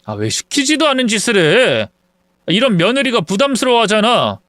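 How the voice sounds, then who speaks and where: A man's voice: sits high, sing-song, moderate pace, fairly bright tone, dry recording, studio quality. A man voicing an irritated defensive son. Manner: curt, impatient retorts.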